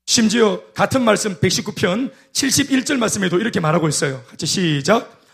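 Gravelly, high-voiced pastor with a Gyeongsang accent. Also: male voice, fairly quick. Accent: Gyeongsang dialect. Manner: animated storytelling with acted-out quotes. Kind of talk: sermon.

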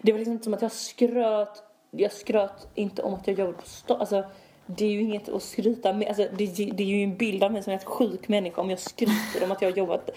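Mellow-voiced young woman, expressive storyteller. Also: medium pitch, slight background noise. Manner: expressive, exasperated storytelling with quoted dialogue. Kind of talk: casual chat.

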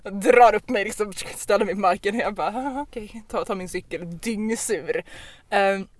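A woman on a podcast telling a personal anecdote in a casual, lively way, with lots of fillers and restarts. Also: mid-range voice. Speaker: podcast host. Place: podcast recording.

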